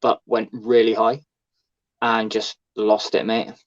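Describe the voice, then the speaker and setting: A man's voice: lowish voice, completely flat delivery, slow pace. A man in casual chat as a podcast co-host, rambling and full of fillers. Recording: slightly dull lo-fi recording.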